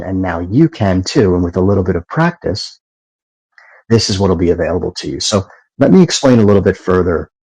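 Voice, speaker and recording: Slow gravelly-voiced calm man. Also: deep voice, rough recording. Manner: slow, calm counting of breaths. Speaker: meditation teacher. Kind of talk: guided meditation and talk.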